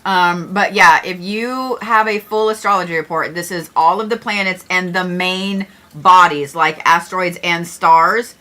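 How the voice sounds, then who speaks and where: A woman's voice: on the low side, a little slow, hardly any pauses, bright, forceful tone. A middle-aged woman hosting an astrology livestream, chatting casually and joking with viewers, with the odd swear word.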